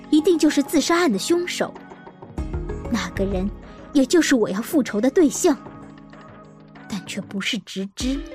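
An actress narrates an audio drama as a troubled woman bent on revenge, speaking deliberately and introspectively. Her voice is fairly high, mellow, and natural.

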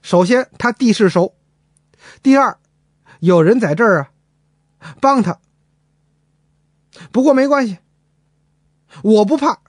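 A man's voice: high-pitched, animated, slow pace, long pauses, darkish tone, no echo, pitched above the performer's own voice, full character voice. A man voicing an elderly widowed mother dragon, protective and stern. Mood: defiant.

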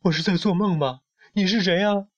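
A jumpy, stubborn little boy chick, shrieking high and fast when cornered, as a male storyteller puts him on. The voice sits well above a man's usual talk and comes through a dull, dry, lo-fi recording. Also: huge pitch swings, no echo, full character voice. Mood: frightened. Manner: shrill, panicky shouting.

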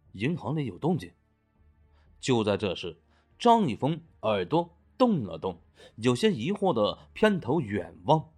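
A man narrating a web novel as an audiobook, in a playful, animated storytelling manner, with faint music underneath. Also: medium pitch.

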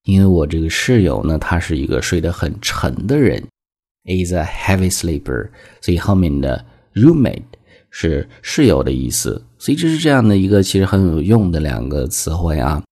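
A man teaching an English vocabulary lesson in Chinese, explaining each word step by step and reading the examples slowly. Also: low-pitched, sing-song, a little mellow, slightly rough.

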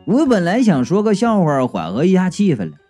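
A man's voice: sits high, wildly swooping pitch, fairly quick, mellow, soft background music. A man narrating a comic first-person story in a wisecracking, colloquial way.

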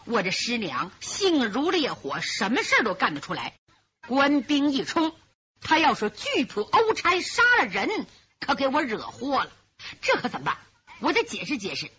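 A woman's voice: high voice, huge pitch swings, normal speed, bright, forceful tone, slightly rough, exaggerated voice. A woman doing a fretful young swordswoman. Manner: fretful, talking to herself. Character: young swordswoman, anxious and scheming. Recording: lo-fi, dull recording.

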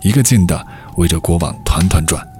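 Low male storyteller, measured and even, reading a folk tale over soft music. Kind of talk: scripted narration of a folk tale. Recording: faint background music.

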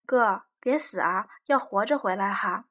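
A woman voicing a soft-hearted twenty-year-old girl who pleads in a weepy way. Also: mid-range voice, a little slow. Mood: worried.

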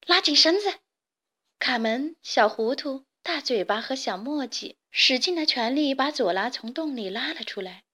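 A woman narrating a children's audiobook in an expressive, dramatic reading style with hushed passages. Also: sits high, normal speed. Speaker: storyteller.

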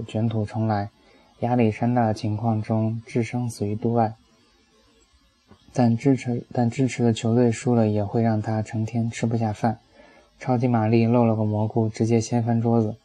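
A man's voice: fairly low pitch, dark tone, rough recording. A man reading a personal essay aloud as an audiobook, telling it in a wry, dry way. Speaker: narrator.

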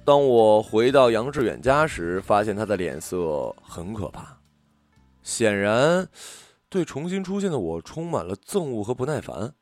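A man narrating a ghost story in an expressive storytelling delivery. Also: fairly low pitch, measured pace, faint music behind. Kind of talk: audiobook storytelling.

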